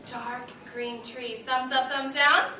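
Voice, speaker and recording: Picked up by a distant mic in a roomy, noisy classroom, this woman leads an interactive read-aloud for young kids, firing short questions and prompts straight at them. She's an elementary school teacher with a high, sharp voice, a level tone and a slow pace.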